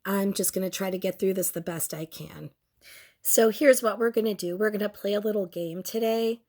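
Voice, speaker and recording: Hosting a laid-back commentary show, this young woman has a cold that has almost taken her voice. Her pitch is medium and her tone dark, and she drags out her crude, sardonic lines at a slow pace.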